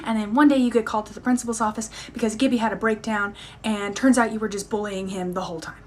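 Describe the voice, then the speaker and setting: A woman's voice: mid-range voice, steady tone, fast, a little hiss or hum. A young woman telling a casual storytime to camera with mock drama.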